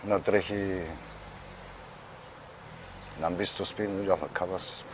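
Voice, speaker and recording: Ένας άνδρας με κυπριακή προφορά αφηγείται ως αυτόπτης μάρτυρας σε συνέντευξη ντοκιμαντέρ, μεταφέροντας τα λόγια άλλων. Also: male voice, sits low, little pitch movement, background noise. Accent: Cypriot Greek. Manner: plain storytelling, quoting others. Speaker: eyewitness. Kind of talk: documentary interview testimony.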